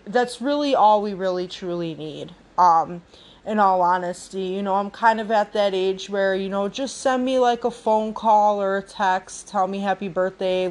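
A woman in her late twenties hosting a podcast alone, talking in a reflective way with many fillers and restarts. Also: mid-range voice. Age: 20s. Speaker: podcast host. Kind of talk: casual solo podcast talk.

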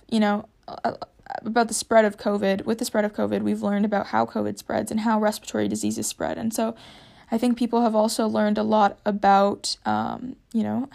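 A woman's voice: fairly high pitch, creaky. A young woman hosting a casual solo podcast, rambling with many fillers and self-corrections. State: hiccups. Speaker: podcast host.

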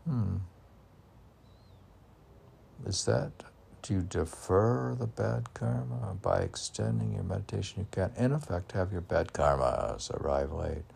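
An American man reads his own poetry informally at a normal pace, his low voice gravelly and darkish with a breathy edge. He repeats lines and muses aloud, second-guessing himself in rambling asides. The recording has faint background noise.

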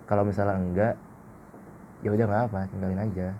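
A man's voice: lowish voice, little pitch movement, quick pace, muffled recording, a little hiss or hum. A man hosting a casual solo podcast, blunt, slangy and self-mocking. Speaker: podcast host.

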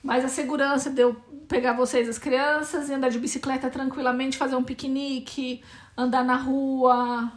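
At a moderate pace and high pitch with little variation, a Brazilian-accented woman in her forties takes casual interview questions. An immigrant from Brazil now in Portugal, she speaks hesitantly and thoughtfully, often beginning her sentences again.

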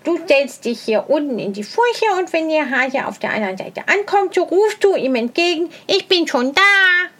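A woman voicing a crafty, stubborn male hedgehog who talks in a brisk, self-assured way in a storybook reading. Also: high-pitched, animated, fairly bright tone, voice pushed up. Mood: bossy.

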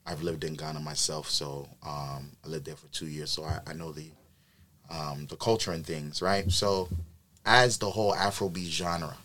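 On a podcast, a man who grew up in New York and now plans events tells his story with lots of ums and likes. His voice is very deep, his pace normal, and the storytelling easygoing and filler-heavy.

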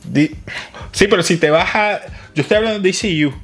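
A man's voice: high voice, fairly quick, a bit bright, husky, soft background music. A young adult man, co-hosting a casual chat about films, playful and slangy, slipping into English. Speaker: co-host.

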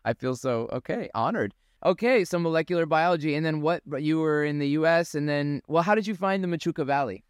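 A man's voice: on the high side, animated, quick pace, hardly any pauses, clear, resonant tone, dry recording, clean studio sound. A man hosting a podcast, chatty and curious, asking questions with lots of fillers. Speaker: podcast host. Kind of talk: casual interview conversation.

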